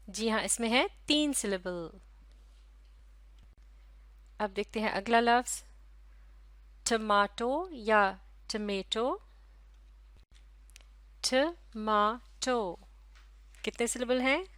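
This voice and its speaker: A woman teacher with a Pakistani Urdu accent giving a recorded lesson to young pupils, drawing out each word slowly so they can repeat it. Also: fairly high pitch, no room sound. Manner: slow, drawn-out pronunciation of words for repetition.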